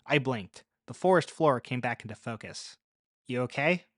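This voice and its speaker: A man narrating a story in the first person with a measured, even read. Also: mid-range voice, dry recording, studio quality.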